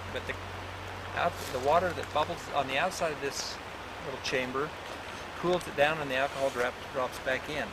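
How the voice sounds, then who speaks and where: A man on an old VHS home video, explaining a process step by step to a group in a folksy, rambling way, often restarting his sentences. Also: medium pitch. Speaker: teacher of herbal remedies leading a group outdoors. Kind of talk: informal step-by-step spoken instruction. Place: outdoors by a road during a walk. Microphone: camcorder mic at a distance. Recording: hissy old VHS camcorder tape, outdoors. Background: loud outdoor ambience with passing vehicles.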